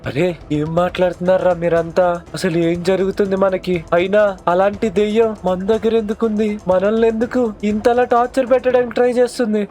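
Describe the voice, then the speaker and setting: A fussy cartoon uncle who scolds the kids, played by a man. He talks fast in a raised, high voice. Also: little pitch movement, darkish tone, slight background noise, close to an everyday voice. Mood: scolding. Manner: scolding, flustered. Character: excitable fussy uncle looking after kids. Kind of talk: cartoon dub of a game.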